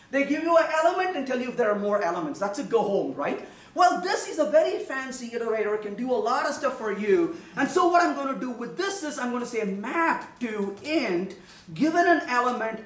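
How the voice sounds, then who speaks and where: A man gives a technical conference talk with a bright, high voice that jumps all over its range. He jokes and acts out small voices for the audience. He is heard from a distance in a roomy, echoing hall. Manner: playful, joking, acts out little voices. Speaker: conference speaker. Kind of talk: live technical talk with live coding. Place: lecture room with audience. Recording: echoey room from a distance.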